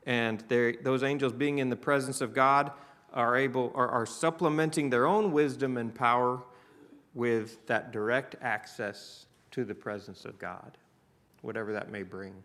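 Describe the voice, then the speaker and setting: A man with a Southern US accent teaches a church Bible class in a relaxed, conversational way. He keeps stopping to put questions to his students and often restarts his sentences. His voice sits at an ordinary middle pitch. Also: measured pace.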